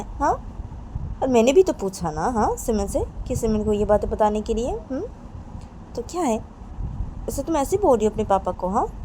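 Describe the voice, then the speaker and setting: A woman voicing a calm, patient middle-aged mother who slowly coaxes her daughter. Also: mid-range voice, a little hiss or hum, close to an everyday voice. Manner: slow, coaxing.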